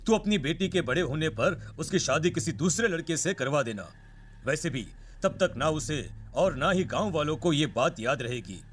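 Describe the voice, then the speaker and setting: A man's voice: fairly high pitch, lively intonation, moderate pace, a little hiss or hum, close to an everyday voice. A man voicing villagers in a horror cartoon, talking earnestly and pleading. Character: worried village father, pleading. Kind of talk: cartoon voice acting.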